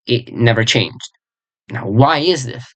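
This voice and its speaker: A person giving a casual lesson on an invented language, rambling, searching for words and correcting themselves, and repeating words slowly. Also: mid-range voice, animated, no room sound.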